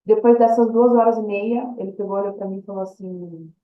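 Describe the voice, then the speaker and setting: A woman's voice: medium pitch, fairly even intonation, brisk. A woman telling her own story as a personal testimony, acting out the dialogue she recounts. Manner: storytelling that acts out quoted dialogue. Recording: echoey room, dull lo-fi sound.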